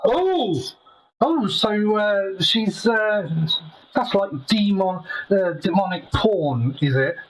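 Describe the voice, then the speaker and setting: A slow-talking man on a call whose voice sounds hollow and muffled, as though he were down a well, because he is using a cheap earphone mic. He is a little higher-pitched than most men and speaks haltingly, with fillers and restarts. A faint hiss of noise sits underneath. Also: expressive. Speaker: player in an online tabletop game. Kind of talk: casual chat over a voice call.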